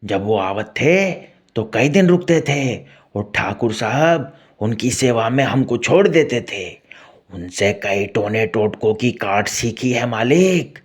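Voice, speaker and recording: A man voicing an earnest, fearful village servant who speaks in slow rural dialect. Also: mid-range voice, animated, husky. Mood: hushed, confiding.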